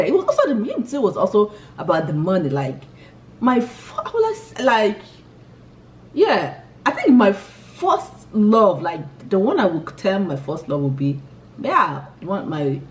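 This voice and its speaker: This is a young Igbo vlogger from Imo State in Nigeria, casually answering questions from a tag list. Her medium-pitched voice was captured from a distance with slight background noise. She giggles often and frequently restarts what she's saying.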